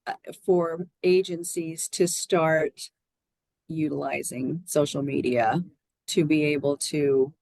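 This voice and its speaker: A woman's voice: low-pitched, fairly even intonation, slow pace, vocal fry, a little mellow, no echo. A woman giving earnest, explanatory answers as a guest in a conversational interview. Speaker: podcast guest, hospice nurse and educator.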